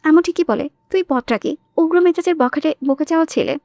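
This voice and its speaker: Woman doing a sharp-tongued spirited young woman, lively, defiant, high voice, dry close recording. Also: brisk, no room sound.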